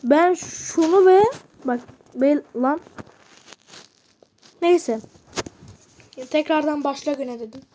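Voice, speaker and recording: A woman's voice: high-pitched, slow pace, pauses often, warm tone, slight background noise. A woman giving casual commentary while playing a game, chatting and muttering to herself with frustrated outbursts. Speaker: gamer.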